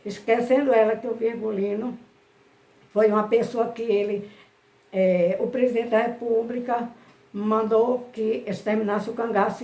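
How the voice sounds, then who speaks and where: A woman's voice: on the high side, warm tone. Woman talking history in a roomy echo. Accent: Brazilian Portuguese. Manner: hesitant, many fillers and restarts. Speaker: history commentator. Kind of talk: spoken history talk.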